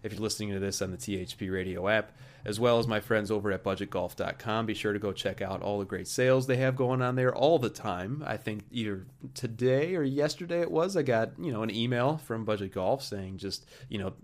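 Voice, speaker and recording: Chatty low-voiced podcast host man. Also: brisk. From Midwest of the United States. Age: 30s. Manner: chatty, frequent fillers and restarts. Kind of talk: casual interview and sponsor reads. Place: office huddle room.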